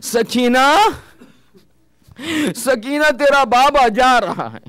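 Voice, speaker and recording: A man preaching a mourning sermon voices a grieving father saying farewell to his small daughter, soft and consoling. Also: very high-pitched, expressive, drawn-out words, clear, resonant tone, dry recording, exaggerated voice. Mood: tender.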